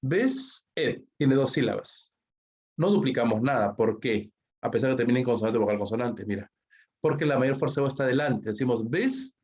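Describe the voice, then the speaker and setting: His voice is mid-range and darkish, running a little fast, with a Peruvian Spanish accent; he's from Peru and teaches English grammar online. Each rule is laid out step by step, and "¿ok?" or "¿no?" follows almost every line. The audio is dull and lo-fi.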